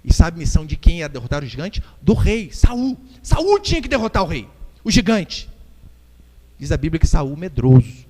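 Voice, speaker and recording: A man with a Brazilian Portuguese accent preaches from the pulpit of a church hall, his voice high and swinging up and down constantly. He jokes with the congregation and plays out quick scenes while making his point. The sound carries a long echo from the room. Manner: animated preaching with jokes and acted-out quotes. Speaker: pastor. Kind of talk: sermon.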